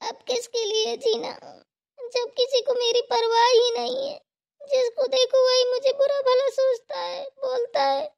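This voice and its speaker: A woman's voice: very high voice, little pitch movement, unhurried, vocal fry, highs cut off, exaggerated voice. A woman voicing an emotional young married woman, a tearful and self-pitying sister, in a cartoon. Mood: despairing. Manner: pleading, lamenting. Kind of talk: cartoon voice acting.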